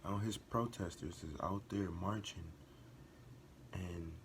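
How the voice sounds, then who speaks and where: Low-voiced guy doing a heated reaction vid, keeps repeating himself and gets louder, faint hiss under it. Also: takes it slowly. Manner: earnest and impassioned, rising to emphatic outbursts; repeats and restarts phrases while building a point. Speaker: reaction video host. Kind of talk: casual reaction commentary.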